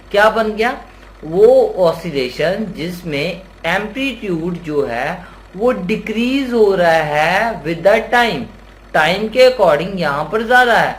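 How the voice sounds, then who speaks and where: A man's voice: high-pitched, a bit bright. A male teacher gives a casual lecture, often asking the class questions and answering them himself. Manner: repeats key terms as questions to the viewer; voices imagined student questions addressed to "sir". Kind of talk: classroom-style Hindi lecture.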